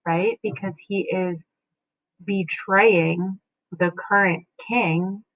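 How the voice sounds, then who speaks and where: A woman's voice: mid-range voice, steady tone, drawn-out words, no room sound. A woman teacher explaining a play, checking in with her students as she goes. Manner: explains and checks in with "right?" and "okay?". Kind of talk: literature lesson. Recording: tinny phone-like dry sound.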